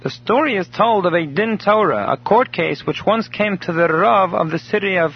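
A man teaching a recorded daily Torah class, telling a story in a measured way and explaining Hebrew terms in English. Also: high-pitched, animated, husky. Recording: dull lo-fi recording.

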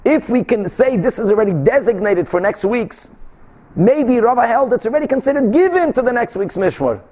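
Here the Talmud lesson comes in an extremely high-pitched, animated and slightly mellow male voice at normal speed. The teacher reads the passage, explains it aloud, asks and answers his own questions, and repeats key phrases for emphasis.

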